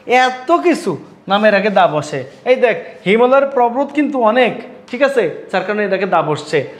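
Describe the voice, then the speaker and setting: A man teaches English grammar in a high voice. He talks casually, teasing and scolding his students as he explains. The sound bounces around a roomy, echoing space. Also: animated, normal speed. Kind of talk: classroom grammar lesson.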